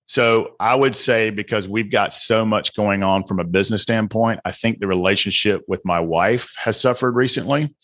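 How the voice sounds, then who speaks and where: A man's voice: lowish voice, moderate pace, hardly any pauses, fairly bright tone. A middle-aged man with a Southern US accent, a guest author speaking earnestly and motivationally in a podcast interview. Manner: earnest, motivational, repeats phrases.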